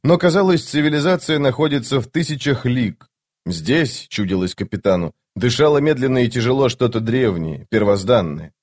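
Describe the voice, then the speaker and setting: A man narrating a fantasy audiobook in a measured, steady way. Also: mid-range voice.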